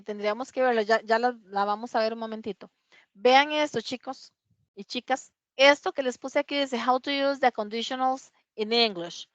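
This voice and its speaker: Woman English teacher, fairly high voice, patient, spells out each sound slowly, dry and muffled. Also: no echo. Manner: explains patiently and models words slowly and clearly; often checks understanding with tag questions. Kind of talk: classroom lesson.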